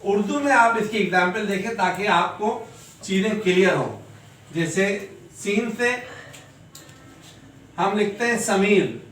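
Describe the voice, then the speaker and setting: A man teaching a class, slowly drilling letter sounds and asking students questions. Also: high-pitched, lively intonation, a bit bright, slight background noise. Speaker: English teacher. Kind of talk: classroom lesson. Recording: echoey room, distant mic.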